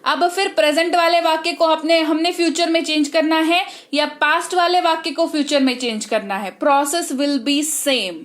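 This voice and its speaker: With a high, slightly bright voice and an Indian accent, a woman whose first language is Hindi leads an online English class. She drills terms in quick succession and checks often that her students understand, all at a brisk clip.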